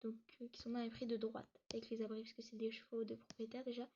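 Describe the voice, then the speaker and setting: In a warm, slightly high voice with a completely flat delivery, a YouTuber hurries through a casual tour of her game map. She stumbles over fillers and restarts, sounds a little short of breath, and says so. The muffled, dull recording carries a little hiss or hum, like a cheap mic.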